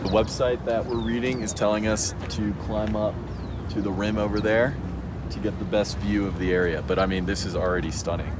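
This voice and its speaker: Low-voiced man vlogging outdoors. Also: fairly quick, heavy background noise. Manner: relaxed, chatty, says "you know" and "like" a lot. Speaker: travel vlogger. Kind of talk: casual travel vlog narration. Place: outdoors on a hilltop city viewpoint.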